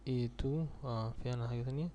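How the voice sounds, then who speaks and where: A man with an Egyptian Arabic accent teaching a screen-recorded software tutorial. He reads each step aloud in English, then thinks it through aloud in Arabic. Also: medium pitch, fast, a little hiss or hum. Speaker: software instructor.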